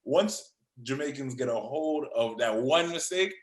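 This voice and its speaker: Relaxed man in an echoey room. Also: mid-range voice, a little slow. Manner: relaxed storyteller, hesitant with many "uh"s. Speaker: podcast co-host. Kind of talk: casual chat.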